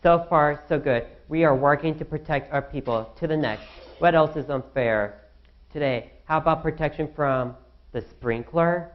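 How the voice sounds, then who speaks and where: A man's voice: on the high side, moderate pace, dull audio, lightly acted. A young man playing an anxious founding father in a student skit, fretting aloud to himself. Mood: worried musing. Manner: fretful, talks to himself.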